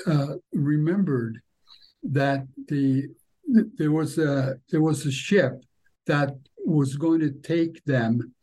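Husky, halting older man. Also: medium pitch, dark tone, rough recording. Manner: halting, repetitive, searching for words. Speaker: interviewee telling family war history. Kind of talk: spoken historical recollection.

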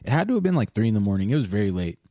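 A man's voice: on the low side, big pitch swings, racing, warm tone, dry recording, clean studio sound. A young man in casual chat, chiming in and backing up his friend's story with his own side. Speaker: podcast co-host.

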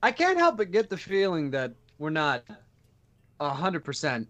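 Lively woman playing a tabletop game. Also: deep voice, a little slow, highs cut off. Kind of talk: casual role-play chat.

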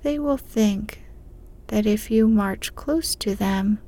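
A woman voicing a wise old male wizard, speaking in a slow, hushed whisper. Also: medium pitch. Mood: calm counsel.

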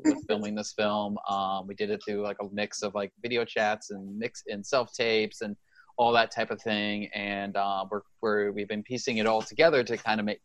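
A man's voice: on the low side, a bit bright, dry recording. Hesitant male director on a video call, stumbles and repeats himself. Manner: halting, repeats words, many fillers. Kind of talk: casual video-call chat.

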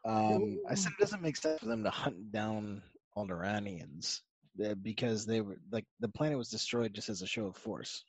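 A man's voice: on the low side, expressive, normal speed, husky, no room sound, poor audio. A man co-hosting a casual podcast chat from a video call, blunt and opinionated. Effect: remote voice on a video call over an internet connection. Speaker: podcast co-host.

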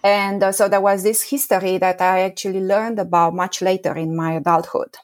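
A woman's voice: mid-range voice, little pitch movement, a little fast. A woman in her forties from Romania, with a Romanian accent, answering interview questions as a history professor, hesitant with many fillers and restarts. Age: 40s.

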